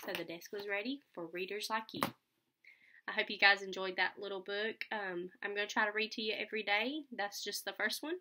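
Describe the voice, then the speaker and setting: A young adult woman with a steady, medium-pitched voice reads fairly quickly from a picture book for children, with background noise audible. She keeps explanations simple and asks her listeners questions. The setting is a small furnished room indoors at home, with a webcam about arm's length away.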